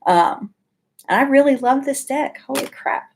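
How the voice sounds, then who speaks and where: A woman's voice: high voice, lively intonation, a little slow, slight background noise. A woman giving a casual weekly oracle card reading from her home office, chatty and full of ums and asides. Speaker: tarot and oracle card reader.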